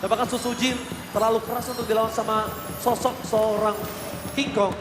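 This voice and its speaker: Indonesian man as excitable esports caster, very high-pitched, dramatic drawn-out calls, music behind. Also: roomy sound. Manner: dramatic calls with drawn-out words and English gaming terms.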